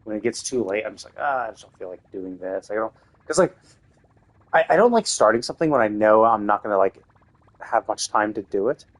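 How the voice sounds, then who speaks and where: A man with a fairly low voice, lively intonation and brisk pace provides casual commentary while playing a game on a live stream. He thinks aloud in a loose, rambling way, restarting often.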